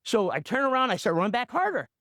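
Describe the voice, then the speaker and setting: A man in his fifties, a coach and radio host, telling a motivational story in an animated way with punchy repetition. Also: extremely high pitch, fast talker, no echo, clean studio sound.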